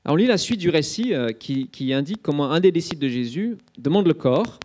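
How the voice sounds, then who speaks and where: Telling the Easter story vividly, this preacher acts out the scenes and often slips in small fillers like "euh" and "hein". He speaks in a fairly high, animated, a little mellow voice at a fairly quick pace.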